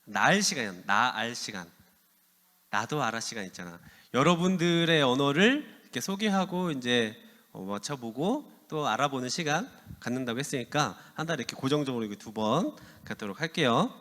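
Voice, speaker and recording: A man's voice: mid-range voice, sing-song, moderate pace, fairly bright tone. A man in his thirties, a youth pastor giving a playful, casual sermon that asks the teens questions. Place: church hall. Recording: long hall reverb.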